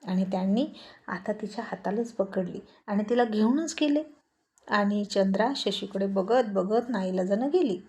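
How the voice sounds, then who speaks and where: A woman storyteller narrates a serialized romance story in a warm, mellow voice. Her telling is expressive and flowing, and she keeps a steady, even pitch. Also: normal speed.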